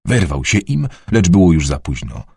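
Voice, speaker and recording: A man narrating an adventure novel in a dramatic, expressive storytelling manner. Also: sits low, normal speed, vocal fry, slightly rough, dry recording. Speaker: audiobook narrator.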